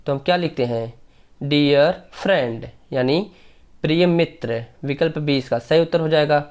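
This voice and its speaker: A man giving a brisk exam-prep lesson, explaining each answer and speaking directly to his viewers. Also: fairly high pitch, darkish tone, clear, resonant tone.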